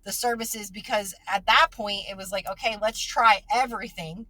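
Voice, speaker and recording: A woman's voice: mid-range voice, normal speed, bright, forceful tone, dry recording. A woman hosting a podcast and talking about her child, earnest and emotional, full of fillers and restarts. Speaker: podcast host and parent. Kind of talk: casual conversation.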